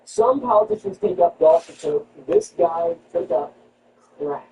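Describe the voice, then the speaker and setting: A man hosting a comedy show, riffing sarcastically on news items and jumping into high mock-outraged squeals. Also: sing-song, unhurried. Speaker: comedy podcast host. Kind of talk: comedic news riff with retakes. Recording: distant mic with background noise.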